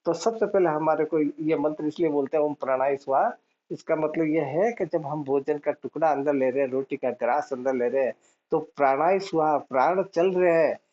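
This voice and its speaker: A male spiritual teacher speaks in a slightly high voice, explaining each point patiently and going over it again. Now and then he chants short mantras in the middle of his talk. The recording sounds dull and lo-fi. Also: normal speed. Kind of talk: devotional teaching.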